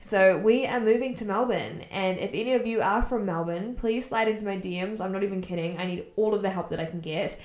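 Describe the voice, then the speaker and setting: A woman's voice: mid-range voice, a little fast, few pauses, a little mellow. A woman from New Zealand in her thirties, hosting a wellness podcast in an upbeat, chatty and encouraging way. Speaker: podcast host. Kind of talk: solo wellness podcast talk.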